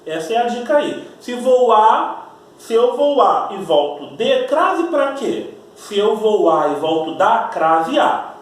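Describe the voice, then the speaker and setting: A male Brazilian school teacher giving a slow grammar lesson, repeating his points and checking in with the class. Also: high-pitched, animated, distant mic. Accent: Brazilian Portuguese. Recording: very echoey room, voice from off-mic.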